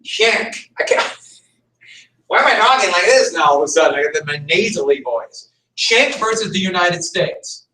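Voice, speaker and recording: This history teacher has a high, sharp, animated voice and speaks at normal speed during a chatty classroom lecture. He repeats important points for emphasis, and the far-off mic captures plenty of room echo.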